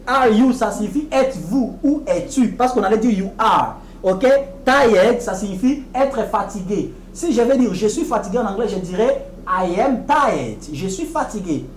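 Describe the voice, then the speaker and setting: A woman giving a televised English lesson, explaining patiently and repeating each English phrase slowly and deliberately. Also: mid-range voice, reverberant, slight background noise, poor audio. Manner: explains patiently, often checking with "ok?". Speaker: English teacher.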